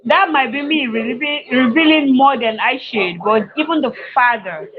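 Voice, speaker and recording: A woman's voice: high-pitched, normal speed, a crowd in the background. A woman from Nigeria telling her personal story in casual conversation, emotional, laughing often and repeating herself. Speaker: guest sharing her story. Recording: muffled lo-fi sound.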